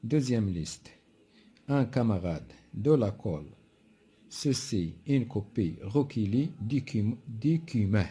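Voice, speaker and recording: A man gives a spelling lesson at a very slow, deliberate pace. His voice is husky and mellow, and he repeats each word and letter one at a time. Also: fairly low pitch, expressive. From Morocco. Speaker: primary school French teacher. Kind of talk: spelling lesson, reading words aloud.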